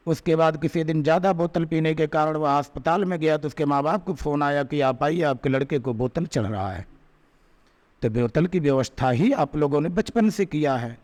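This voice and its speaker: A man giving a devotional sermon, telling a story and slowing down to recite verses, with emphatic rising peaks. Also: fairly high pitch, a little mellow. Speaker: spiritual preacher. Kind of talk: Hindi devotional discourse with storytelling.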